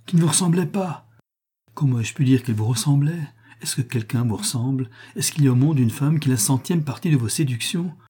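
An ardent young man, as a male reader plays him, pleads in an earnest, slightly lifted voice. The tone is mellow and a little husky, like a storybook reading. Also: mid-range voice, a little fast, pitched above the performer's own voice, natural voice. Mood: pleading.

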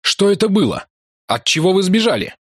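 A man's voice: high-pitched, sing-song, a little fast, slightly rough, no echo, pitched above the performer's own voice, heavily acted. A man voicing a shaken male traveler in an audiobook, speaking hurriedly and in alarm, in a dry studio sound. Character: shaken male traveler, the narrator in the scene, anxious.

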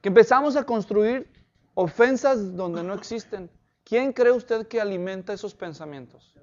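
A man's voice: high-pitched, expressive, normal speed, a little mellow, lo-fi sound. A man preaching an expository sermon, asking the congregation questions and telling stories to illustrate his points. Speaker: pastor.

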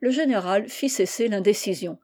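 A woman reading a classic children's novel aloud in a measured audiobook narration. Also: medium pitch, dark tone. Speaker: reader.

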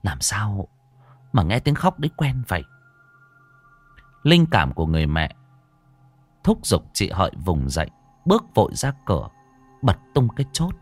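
A man narrating a ghost story in a dramatic style, dropping to a hush and then surging. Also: low voice, huge pitch swings, normal speed, long pauses, husky, no room sound. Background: faint music.

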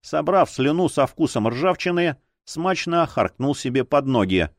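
Expressive male audiobook narrator. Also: fairly high pitch, unhurried, no room sound, clean studio sound.

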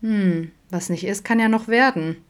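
A woman's voice: mid-range voice, normal speed, voice pushed up, close to an everyday voice. A woman voicing Vincent, a friendly, open young man with a playful, teasing way of talking, in an audiobook.

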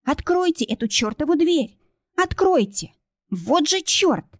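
A woman voicing a terrified young woman, crying out in shrill, frantic bursts. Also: sing-song, measured pace, no echo, studio quality.

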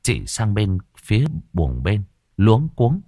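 A man's voice: fairly low pitch, sing-song, slow pace, dark tone, no room sound, studio quality. A man narrating a dramatic audiobook story.

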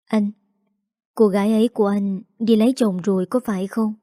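A woman voicing a gentle, earnest young woman quietly in love. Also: medium pitch, steady tone, moderate pace, no room sound, studio quality, lightly acted.

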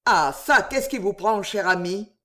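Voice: medium pitch, a little slow, pushed and bright. A reader voicing a scornful count in an audiobook, mocking and then threatening. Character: scornful, menacing male count. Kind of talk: audiobook reading.

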